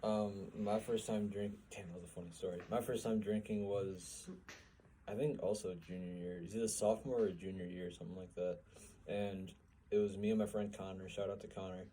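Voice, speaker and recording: A young man with a fairly low voice tells a story on a podcast. He keeps it casual, laughing and swearing freely. A faint hiss sits under the recording. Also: fairly even intonation, brisk, dark tone, poor audio. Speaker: podcast co-host. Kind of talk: casual chat.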